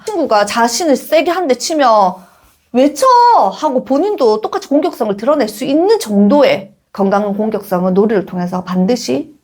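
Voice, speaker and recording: Lively middle-aged woman giving parenting advice. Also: a little high. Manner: lively and expressive, informal speech, laughs often. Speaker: early childhood educator and channel host. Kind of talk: casual advice talk to a companion.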